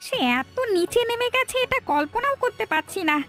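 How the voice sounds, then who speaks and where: A woman's voice: very high voice, expressive, brisk, a bit bright. A woman voicing an indignant, gossiping village woman in a cartoon dub. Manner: indignant, reproachful. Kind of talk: cartoon dubbing. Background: faint music.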